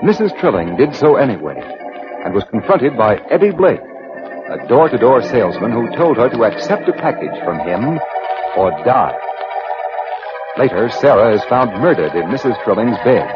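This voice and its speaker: A man announcing a 1940s radio drama, recapping the story in a smooth, measured announcer delivery, heard as an old radio broadcast. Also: medium pitch, very animated. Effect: old radio broadcast sound. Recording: dull lo-fi 1940s radio recording with faint music.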